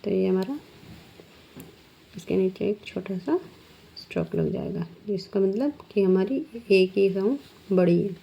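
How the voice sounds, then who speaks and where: A woman teacher explains shorthand step by step, going slowly and patiently asking her students questions. Her gravelly, mid-range voice swings widely in pitch, and the recording sounds dull and lo-fi.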